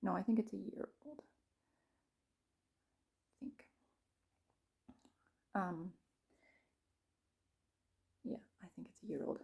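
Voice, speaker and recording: A woman's voice: medium pitch, slow, creaky, long pauses, warm tone. A woman showing her stitching projects in a casual chat, rambling and correcting herself, laughing at herself and sometimes dropping to a whisper. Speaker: cross-stitch vlogger. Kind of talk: casual show-and-tell.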